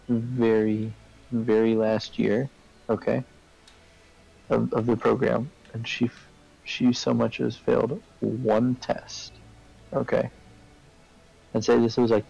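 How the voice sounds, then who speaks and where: A Canadian man with a creaky, mid-range, slightly rough voice and a dark tone casually explains his point in a group discussion, often checking in with "right?" or "okay?". It's a casual debate or chat, and the audio sounds dull.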